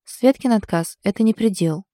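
A woman's voice: mid-range voice, brisk, no echo, clean studio sound, voice pushed up, lightly acted. A woman reading the lines of a stubborn, ironic young wife in an audiobook. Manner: ironic, sulky, sharp.

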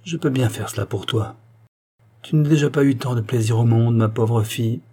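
A man's voice: medium pitch, normal speed, mellow, slightly rough, close to an everyday voice. A man voicing a dying old doctor. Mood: tender. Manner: faint, sighing. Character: dying old male doctor, weak and tender.

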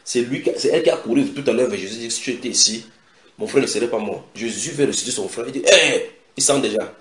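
A man preaching a sermon, retelling scripture dramatically with sudden shouted quotes and direct questions to his listeners. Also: mid-range voice, rapid-fire. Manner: asks the audience direct questions. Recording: echoey room.

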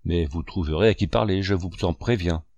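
A man playing a proud, honest sailor whose hoarse voice trembles as he stands his ground. The voice sits low and is recorded dry and close. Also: brisk, a little mellow, no echo, highs cut off. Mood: defiant. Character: honest, stubborn male sailor, gruff and proud.

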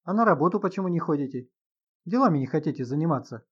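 A man voicing a calm, polite psychotherapist who asks probing questions in an audiobook reading. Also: on the high side, fast, slightly rough, lo-fi sound.

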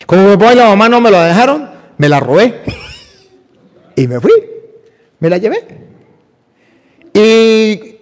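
A man's voice: high-pitched, lively intonation, slow pace, pauses often, pitched above the performer's own voice. A man voicing a tormented middle-aged man who insists his sin cannot be forgiven, despairing and pleading, recorded with a long hall reverb. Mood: confessing.

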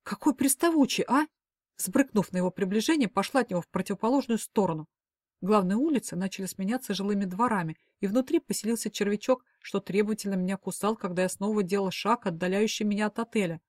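A woman's voice: medium pitch, fast talker, darkish tone, dry recording, clean studio sound. A woman reading a first-person novel as an audiobook, with emotive, dramatic delivery. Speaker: audiobook narrator.

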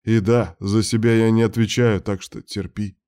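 A man's voice: lowish voice, level tone, moderate pace, mellow, smooth, close to an everyday voice. A man reading an audiobook voices a whiny, wheedling young man who pleads and teases. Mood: whiny pleading.

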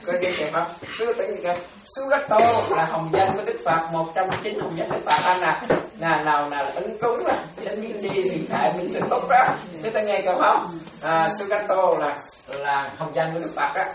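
A man, a monk, giving a chatty, animated dharma sermon full of stories and repetitions. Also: sits high, fairly quick, few pauses. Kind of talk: sermon with storytelling. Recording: echoey, distant mic, faint noise.

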